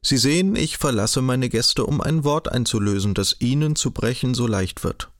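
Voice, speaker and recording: A man voicing a brisk, mocking older society lady in an audiobook, bossy and insistent, with a French exclamation now and then. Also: medium pitch, fairly bright tone, no room sound, clean studio sound, natural voice. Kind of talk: audiobook character voice.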